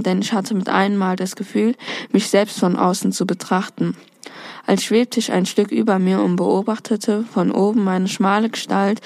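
A woman's voice: medium pitch, darkish tone, no room sound. Woman reading a novel aloud, dry sound. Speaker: reader of a novel excerpt. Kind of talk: first-person novel reading.

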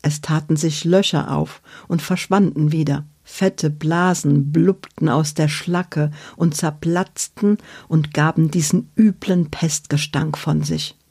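Woman, reading a children's book aloud, storytelling, slow, deliberate, lowish voice. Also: steady tone, mellow, husky, dry recording, clean studio sound.

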